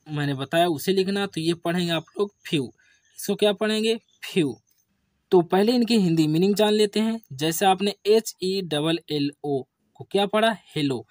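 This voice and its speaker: Slow, dry-voiced male teacher. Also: sits high, darkish tone, no room sound. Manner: slow, repetitive call-and-response drilling. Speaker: English teacher. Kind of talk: classroom lesson for beginners.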